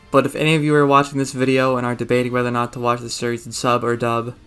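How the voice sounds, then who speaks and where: A man's voice: medium pitch, fairly bright tone, smooth. A young man narrating a scripted video essay, opinionated and enthusiastic. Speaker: video reviewer.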